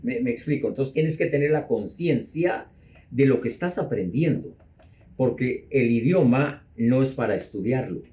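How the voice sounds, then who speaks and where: Measured, mellow-voiced man explaining. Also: medium pitch, expressive. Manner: measured, repeats words, slows for emphasis. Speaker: interview guest. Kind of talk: conversational explaining.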